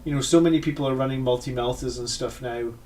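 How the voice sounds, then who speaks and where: Speaking fast in a slightly mellow, medium-pitched voice, a Scottish host thinks aloud about army lists on his live stream. It's relaxed commentary full of fillers and self-corrections.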